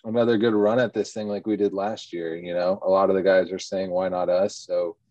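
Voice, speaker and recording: A man, a baseball pitcher answering interview questions in an easygoing, rambling way. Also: flat delivery, a little fast, darkish tone, no room sound. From Texas, USA. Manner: easygoing, rambling, many ums and you-knows. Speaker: professional baseball pitcher, guest. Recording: dull, muffled lo-fi sound.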